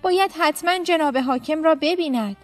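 A woman's voice: sits high, soft background music, voice pushed up, lightly acted. A woman voicing a deferential male servant who reports politely to his master. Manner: respectful and deferential.

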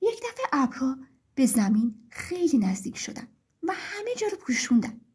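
Woman, children's story narrator, high voice, animated, expressive.

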